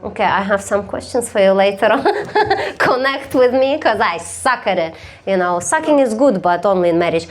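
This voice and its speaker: Eine Komikerin, die auf einer Live-Bühne stumpf und neckend mit dem Publikum spricht und oft lacht. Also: female voice, medium pitch, animated, moderate pace. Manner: blunt, teasing, laughs often. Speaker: stand-up comedian. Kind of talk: stand-up crowd work. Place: live comedy stage.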